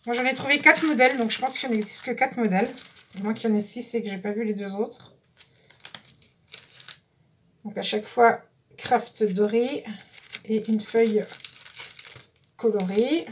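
Woman chatting thru a craft haul, kinda high voice, little clicks and faint noise behind. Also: moderate pace, fairly bright tone. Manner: chatty, self-correcting, describing items one by one. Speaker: scrapbooking vlogger. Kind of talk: casual product haul.

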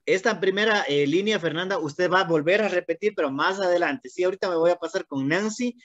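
An English teacher with an Ecuadorian Spanish accent who patiently corrects students and reads English lines slowly, word by word. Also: medium pitch, no echo. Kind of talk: online class instruction. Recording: dull, dry, lo-fi.

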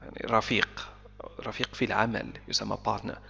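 A man with a gravelly, fry-edged voice teaches vocabulary in a calm, explanatory way, breaking each word down with short repeats. The recording has a long, hall-like reverb and a muffled, lo-fi tone. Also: fairly low pitch, fairly quick. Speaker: English teacher. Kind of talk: explanatory language lesson.

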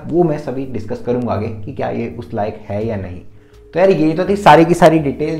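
A man giving a chatty, casual tech product review in a room lit by softbox lights, freely mixing Hindi and English, speaking into his own mic. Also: medium pitch, vocal fry. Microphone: his own mic set up. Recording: roomy echo.

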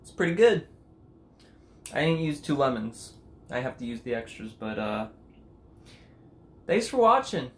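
A young man hosting a comedic home cooking vlog, goofy and jokey, sometimes breaking into loud mock commands, filmed in his kitchen on a camera mic. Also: mid-range voice, big pitch swings, measured pace, pauses often, echoey room. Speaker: cooking video host.

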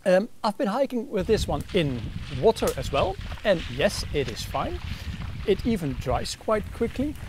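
Speaking from a noisy campfire setting outdoors, this gear reviewer from the Netherlands, a man in his thirties with a Dutch accent, has a high and very animated yet unhurried voice. His casual product review explains the equipment in depth, full of filler words.

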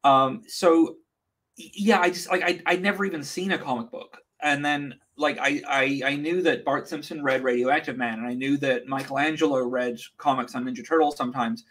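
Speaking at a moderate pace, this guest is a comics creator from New Zealand, a man in his 30s with a medium-pitched voice. He trades dry, deadpan stories full of filler words in a relaxed interview, heard through a video-call webcam indoors at home.

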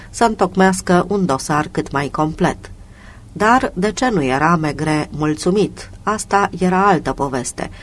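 A narrator giving a measured, even reading of a detective novel as an audiobook. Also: medium pitch, a little hiss or hum. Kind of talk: scripted narration.

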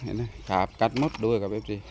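A man's voice: on the low side, fairly even intonation, rapid-fire, a little mellow, a little hiss or hum. A man vlogging at home, talking politely to his viewers and sharply scolding his disobedient dog. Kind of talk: casual vlog chat.

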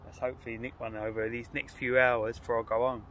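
A man, excitedly talking to camera in a casual fishing vlog by a lake. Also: mid-range voice, fast, a little hiss or hum. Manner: excitable, slangy, chatty. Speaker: fishing vlogger. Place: lakeside outdoors. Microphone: phone camera, handheld or on a tripod.

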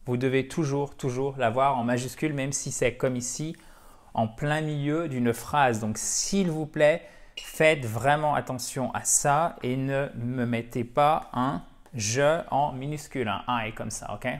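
A man's voice: medium pitch, unhurried. Man teaching English slang. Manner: explanatory, repeats example phrases, lively asides. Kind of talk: video lesson at a whiteboard.

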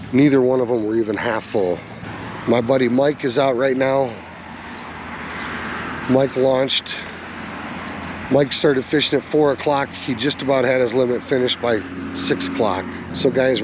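A man talks through fishing tips in a folksy, instructive tone, speaking to his viewers as "guys." His voice sits at a middle pitch, recorded outdoors by the river. Faint outdoor and vehicle noise runs underneath. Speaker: fishing channel host. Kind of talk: outdoor fishing report vlog.

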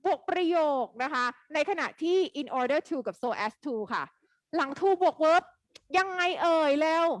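A woman teaching an English grammar lesson live online, quizzing her students in a lively way. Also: high-pitched, a little slow, dry recording.

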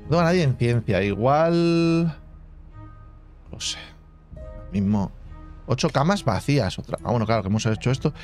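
A man talks his way through a building game in relaxed, chatty commentary, thinking aloud and filling pauses with hummed sound effects. His voice sits at an ordinary middle pitch. Faint game music plays underneath. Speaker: gaming channel host. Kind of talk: casual let's-play commentary.

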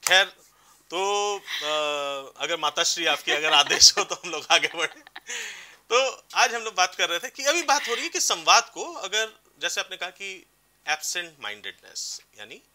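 A man's voice: sits high, sharp tone. A man giving advice as a career counselor on a TV talk show, explaining with examples. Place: TV studio.

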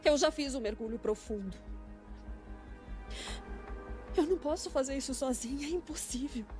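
High-voiced Brazilian woman skipper. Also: animated, fast talker, music in the background. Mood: tense, resisting. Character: tense, practical female boat skipper. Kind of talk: dubbed film thriller acting.

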